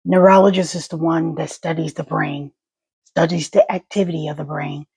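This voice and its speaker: Gravelly, gargly-voiced woman, slightly halting. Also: low-pitched, steady tone, darkish tone. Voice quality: gargly, wet-sounding voice; gravelly, husky. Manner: slightly stuttering, halting speech. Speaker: vlogger and stroke survivor. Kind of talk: casual personal vlog to viewers.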